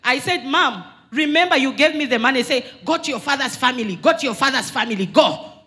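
A woman's voice: high voice, animated, a little fast, bright, forceful tone. A young woman from Zambia giving an earnest, emphatic church testimony into a handheld mic in a large hall. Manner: earnest, emphatic, retelling dialogue.

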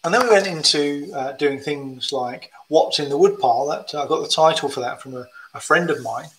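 A man's voice: on the high side, brisk, low-quality recording. Tired, chatty man presenting his books. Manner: chatty, hesitant with fillers, reads rhymes gently. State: tired, yawning. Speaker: children's book author. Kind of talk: casual book presentation with rhyme readings.

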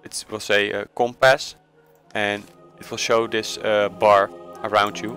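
Soft music underlies this Dutch-accented tutorial voice-over, where a man with a lowish, fairly bright voice talks unhurriedly and with little pitch change. Walking through a game casually on a screen recording, he often hesitates, uses fillers, and corrects himself.

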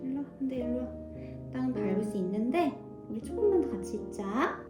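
A woman at home talking to her cat in cooing, soothing baby talk, repeating words softly. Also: sits high, expressive, fairly quick, roomy sound. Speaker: cat owner. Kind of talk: casual talk to a pet. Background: loud background music with piano.

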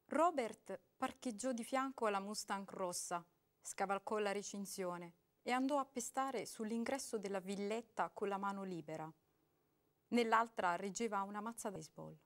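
A woman giving an expressive, dramatic reading of a short story aloud. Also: mid-range voice, moderate pace. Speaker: reader.

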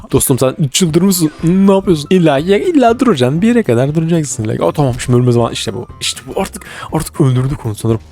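A man giving excitable live gameplay commentary, reacting with quick exclamations and urgent repeated words. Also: a little high, faint music behind. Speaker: gaming video creator.

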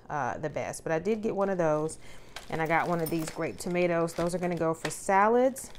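A woman narrating a grocery haul at her kitchen counter in a relaxed, chatty way with lots of fillers. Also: lowish voice, slight background noise. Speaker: vlogger showing a grocery haul. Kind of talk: casual narration over product shots. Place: indoors at a home kitchen counter.

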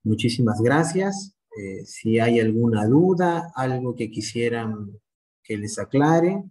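A man with a Peruvian Spanish accent, a speech therapist giving an informative talk to parents, explaining patiently with gentle diminutives and rhetorical check-ins. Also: medium pitch, expressive, slow pace, rough recording. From Peru.

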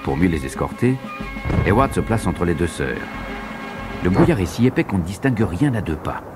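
A man narrating an adventure audio story in a lively, dramatic way. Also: very deep voice. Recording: loud music underneath.

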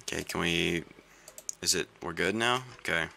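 A man's voice: deep voice, normal speed, vocal fry, sharp tone. A young man casually commenting while he plays a game, rambling with lots of fillers. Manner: rambling, chatty, reacting to the game, many fillers. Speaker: gaming video host. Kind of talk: casual let's-play commentary.

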